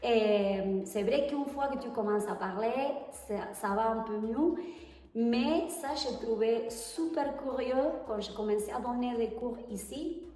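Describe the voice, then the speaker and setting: An Argentine woman, a native Spanish speaker with an Argentine accent, works as a tango teacher and is a guest in an interview. Her voice sits on the high side with a warm tone, and she answers hesitantly, pausing to search for French words. The recording sounds echoey, as if made in a hall far from the microphone.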